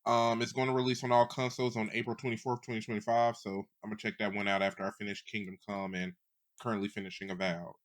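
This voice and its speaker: A man's voice: fairly low pitch, little pitch movement, fast talker. A man co-hosting a podcast in easygoing, joking casual chat about video games. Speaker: podcast co-host.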